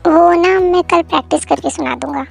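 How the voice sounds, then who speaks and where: A woman's voice: very high voice, a little fast, gravelly, a little mellow, faint music behind, heavily acted. A woman voicing a tired, grumbling young husband who tries to get some sleep in a fan audio drama. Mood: sleepy grumbling.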